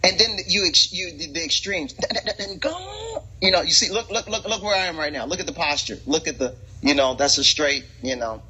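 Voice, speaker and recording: A man hosting a casual talk show, rambling and preachy with lots of fillers, in a husky voice. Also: a little high, fairly quick, few pauses, sharp tone, dull audio. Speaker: podcast host and preacher. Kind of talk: casual chat.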